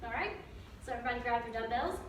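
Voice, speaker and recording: A woman's voice: a little high, lively intonation, rapid-fire, fairly bright tone. A woman coaching a workout as an aerobics instructor, giving informal, encouraging form cues. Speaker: fitness coach. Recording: very echoey room, distant mic, faint noise.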